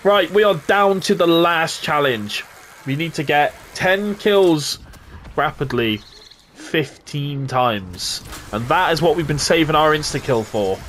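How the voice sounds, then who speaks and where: A young man commentating his own video game play, often frustrated and swearing in loud outbursts. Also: a little high, expressive, unhurried. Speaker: gaming YouTuber. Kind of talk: gameplay commentary. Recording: game noise behind voice.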